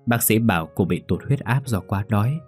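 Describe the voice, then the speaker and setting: A man narrating a folk story in a lively storytelling manner. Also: on the low side, a little fast. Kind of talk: scripted narration. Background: faint piano music.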